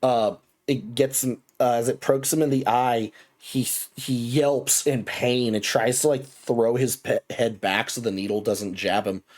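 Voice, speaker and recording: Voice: medium pitch, steady tone, measured pace, hardly any pauses, a little mellow. A game master narrating a tabletop game casually, with lots of fillers and restarts.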